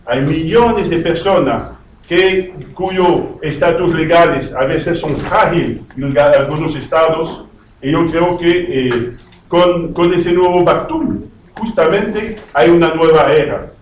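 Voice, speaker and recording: Higher-voiced man in an echoey hall. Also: slow pace, dull audio, a little hiss or hum. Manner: hesitant, with many fillers and restarts. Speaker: UN representative. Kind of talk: formal speech. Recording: echoey hall, distant mic.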